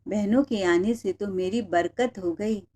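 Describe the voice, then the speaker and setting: A woman's voice: medium pitch, measured pace, dark tone, natural voice. A woman voicing a cheerful young man proudly celebrating with his family. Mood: joyful. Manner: happy, upbeat.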